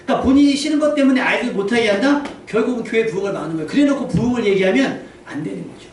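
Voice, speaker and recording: A man preaching a lively, humorous sermon as pastor, acting out little quoted scenes. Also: extremely high pitch, very fast. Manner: animated, humorous, acts out quotes. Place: church sanctuary. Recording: very echoey church hall, distant mic, faint noise.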